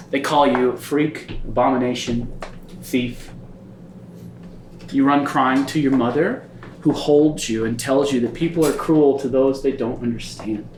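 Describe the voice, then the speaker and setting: A man serving as game master, narrating a scene for his players in a calm storytelling way. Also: mid-range voice. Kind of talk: improvised tabletop game narration. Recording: echoey room, faint background noise.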